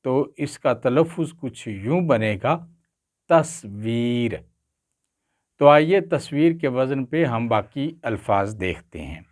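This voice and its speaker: Male Urdu pronunciation teacher, very slow, careful drawn-out enunciation, mid-pitched. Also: animated, darkish tone. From Pakistan. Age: older. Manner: careful, drawn-out enunciation with frequent hesitation sounds. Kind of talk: slow, deliberate pronunciation lesson.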